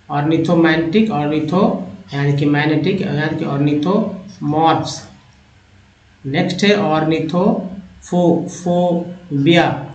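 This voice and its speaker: Slow, echoey male teacher sounding out words. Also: a little high, highs cut off. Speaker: English teacher. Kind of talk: reading word list aloud, explaining word parts.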